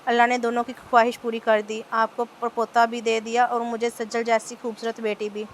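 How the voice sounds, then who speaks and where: A woman reading the lines of a joyful, emotional young husband in a storybook novel, in a flat, even reading voice. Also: a little high, brisk, a little hiss or hum, natural voice.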